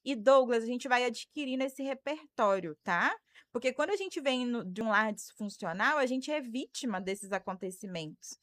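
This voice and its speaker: A woman's voice: a little high, animated, normal speed, fairly bright tone, no room sound, clean studio sound. A woman in her thirties from Brazil, a psychologist hosting a live stream, giving advice and thanking viewers by name. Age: 30s. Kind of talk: live stream talk answering viewer comments.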